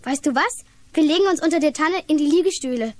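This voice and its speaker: A woman's voice: high-pitched, fast, a little mellow, no echo, close to an everyday voice. A woman voicing a cheeky, know-it-all young girl who interrupts in a pert, sing-song way, in 1980s radio drama acting.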